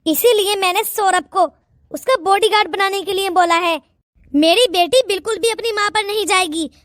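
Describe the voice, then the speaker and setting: A woman's voice: very high-pitched, normal speed, fairly bright tone, dry recording, clean studio sound. A woman voicing a stern, wealthy older father in a cartoon, speaking in a commanding, fatherly way. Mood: defiant.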